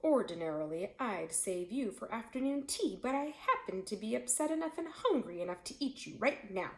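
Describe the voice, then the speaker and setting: A vain, short-fused male lion from a children's storybook, as a woman reads him aloud. He blusters emphatically and his pitch swings widely. The recording rings with room echo. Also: animated, normal speed. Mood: angry, menacing. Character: angry, vain male lion, fretting over mane. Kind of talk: storybook character voice. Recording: echoey room.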